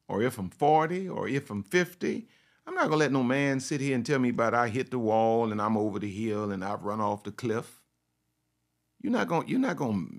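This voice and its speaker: A pastor with a gravelly, medium-pitched voice preaches a sermon, repeating phrases for emphasis and posing rhetorical questions. At times he makes his point by speaking in the first person as a confident woman.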